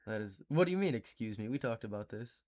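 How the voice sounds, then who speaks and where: A young man hosting a casual livestream podcast, talking in a joking, rambling way with quick laughs. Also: fairly low pitch, lively intonation, darkish tone. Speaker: podcast host.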